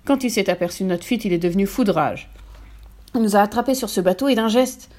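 A woman doing a gentle, weary ghost princess. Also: mid-range voice, fast talker, natural voice. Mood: sorrowful. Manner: soft, sorrowful telling. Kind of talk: storybook reading.

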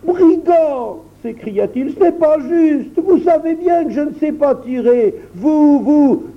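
High, squawking and lively, this indignant blusterer rails against his fate, as a male narrator puts him on. the recording is dull and lo-fi. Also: normal speed. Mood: outraged. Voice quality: shrill, indignant. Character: frightened blustering man, non-shooter.

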